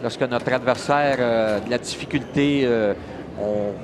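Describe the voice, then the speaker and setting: A male color commentator calls a bowling event at a shopping mall live, speaking at a medium pitch and normal speed. He's hesitant, full of fillers and restarts, and a loud crowd and noise fill the background.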